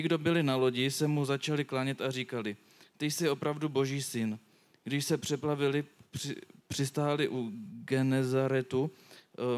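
A young man reads a Bible passage with frequent pauses and fillers, then talks it over in a relaxed, informal way. His voice sits in an ordinary middle range, and he often stumbles and restarts his sentences. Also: medium pitch. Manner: hesitant, many fillers and self-corrections. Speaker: youth speaker sharing a Bible verse. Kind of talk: informal Bible reading and reflection.

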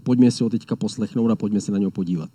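A man preaching a sermon in an earnest, measured way, often restating his point. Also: fairly low pitch, heavy background noise. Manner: earnest, measured, repeats phrases.

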